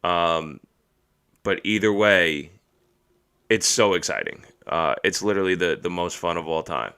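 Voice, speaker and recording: A man's voice: sits low, expressive, a little slow, sharp tone, clear, resonant tone. A man hosting a podcast on a live stream, chatting casually in a rambling, profane and emotional way. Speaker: podcast host.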